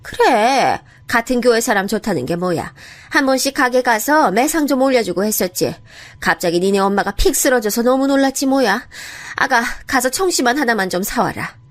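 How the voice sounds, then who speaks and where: A woman's voice: on the high side, expressive, moderate pace, lightly acted. Woman playing a bossy mother-in-law. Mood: offhand bossy. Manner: blunt, bossy casual speech. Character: pushy self-centered middle-aged mother-in-law.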